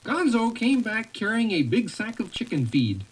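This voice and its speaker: A woman with a slightly high voice and big pitch swings reads a children's storybook aloud at normal speed, playfully narrating and making casual asides to the child turning the pages. It's a noisy home recording.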